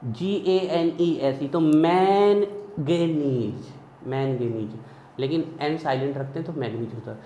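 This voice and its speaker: A man teaching chemistry in a classroom lecture, chanting mnemonic lists in a sing-song rhythm. His voice sits somewhat high for a man. The sound is dull and lo-fi, with a roomy echo and a faint hiss behind him.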